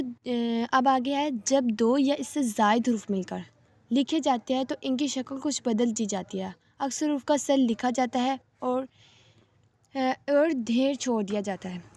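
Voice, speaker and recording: A woman teaching a reading lesson step by step, patient and slow, repeating each rule. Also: fairly high pitch, darkish tone. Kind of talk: step-by-step Arabic letters lesson.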